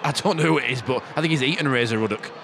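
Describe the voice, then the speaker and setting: A man's voice: medium pitch, racing. A British man co-hosting a football podcast with dry, teasing banter outdoors. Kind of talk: casual banter and match chat. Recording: noisy outdoor stadium with traffic.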